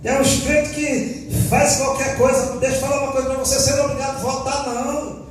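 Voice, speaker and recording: A man's voice: extremely high pitch, level tone, fast talker, noisy background. A man with a Brazilian Portuguese accent preaching a folksy sermon as pastor, acting out quoted believers. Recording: echoey hall from far off with music.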